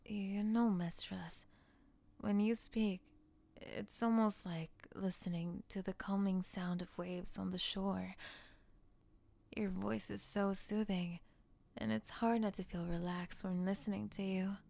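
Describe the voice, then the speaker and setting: A woman voicing a calm young woman who frees her boyfriend by counter-hypnosis, speaking softly and soothingly in an audio roleplay. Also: medium pitch, slow, gravelly. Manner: soft, whispery, soothing hypnotic delivery.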